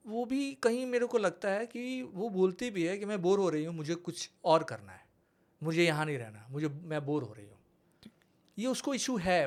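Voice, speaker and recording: A man, hosting a podcast, asking questions and nodding along with short acknowledgements. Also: fairly high pitch. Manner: attentive, frequent short acknowledgements, personal examples. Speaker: podcast host. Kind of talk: interview questioning.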